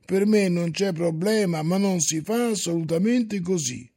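A man's voice: high-pitched, measured pace, mellow. A man doing a nagging old manservant. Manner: nagging, coaxing. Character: stubborn grumbling old male manservant.

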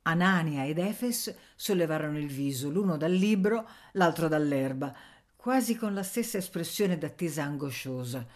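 A woman reading a novel aloud in measured scripted narration. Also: low voice, animated.

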